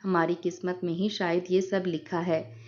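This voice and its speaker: A woman voicing a tearful, worn-down older mother who speaks softly and sorrowfully in a dull lo-fi recording. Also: lowish voice, flat delivery, close to an everyday voice.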